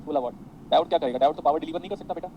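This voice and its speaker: A male teacher runs an online physics class, talking quickly in a fairly high voice. He wanders off into side stories and mixes in English terms. A faint hum sits under his voice. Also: lo-fi sound. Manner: chatty, digressive, mixes Hindi and English, calls students beta.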